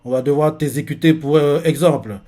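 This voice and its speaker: A man voicing a calm, stern male master swordsman, reading manga lines. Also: a little high, brisk, close to an everyday voice.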